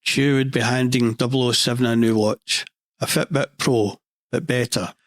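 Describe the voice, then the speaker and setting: A middle-aged Scottish man with a monotone delivery, hosting a scripted podcast monologue with dry, deadpan humour. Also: medium pitch, moderate pace, dry recording. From Scotland. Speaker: podcast host.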